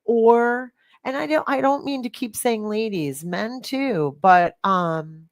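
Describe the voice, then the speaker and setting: A middle-aged woman hosting a fitness podcast, talking in a rambling, animated way with lots of fillers and restarts. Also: on the high side, slow, no room sound. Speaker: fitness coach and podcast host. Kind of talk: casual podcast chat.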